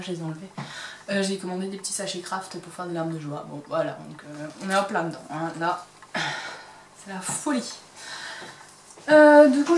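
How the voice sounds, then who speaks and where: A woman's voice: on the low side, a little hiss or hum. A woman hosting a crochet and knitting podcast, chatting casually and hesitantly with many fillers as she shows her purchases from her home workshop. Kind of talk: casual chat showing items to camera. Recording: roomy, distant mic, faint ambience.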